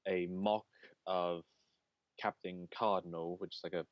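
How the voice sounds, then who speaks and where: A man's voice: low-pitched, fairly even intonation, a little slow, no echo. A man guesting on a casual podcast, talking in a dry, self-deprecating way. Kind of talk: casual chat. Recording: muffled lo-fi mic.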